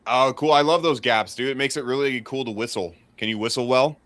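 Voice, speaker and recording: A man in his late thirties, a guest in a casual livestream chat over a video call, animated and laughing often. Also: mid-range voice, brisk, no echo. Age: 30s.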